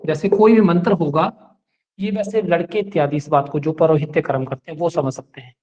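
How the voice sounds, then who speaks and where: Male teacher, high pitch, patient step-by-step exam-prep lecturing, muffled lo-fi recording. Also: fairly even intonation, fairly quick, a little mellow. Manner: explains step by step and checks that students follow.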